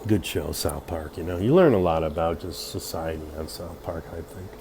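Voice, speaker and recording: A man's voice: deep voice, normal speed, background noise. A man in his fifties rambling drunkenly and boastfully in a casual livestream chat. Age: 50s. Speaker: livestream host.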